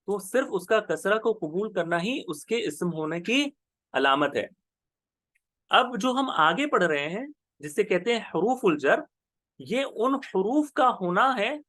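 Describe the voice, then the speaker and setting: A man leads an online grammar class in a high, animated voice that rises and falls freely. He explains slowly and patiently, repeating each term so students can follow. The sound is close and dry, with no room around it. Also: no room sound. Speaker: teacher.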